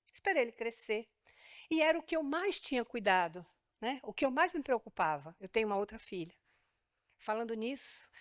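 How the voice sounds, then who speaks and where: A woman's voice: a little high, dry recording, studio quality. A middle-aged woman from Sergipe, Brazil, giving a spiritist lecture in a theater. She tells stories with energy, acts out the dialogue and calls out to the audience. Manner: lively storytelling, acting out dialogue.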